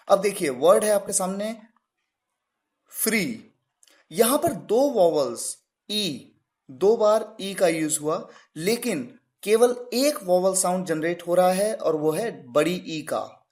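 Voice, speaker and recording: Male grammar teacher, animated and up-and-down delivery, quizzes then answers himself, spells out words. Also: high-pitched. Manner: poses questions and answers them himself. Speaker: English teacher. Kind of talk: grammar lesson.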